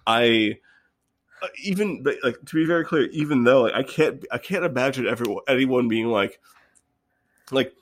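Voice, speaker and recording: A man's voice: mid-range voice, expressive, moderate pace. A man co-hosting a casual book podcast, joking and rambling with frequent restarts. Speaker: podcast co-host.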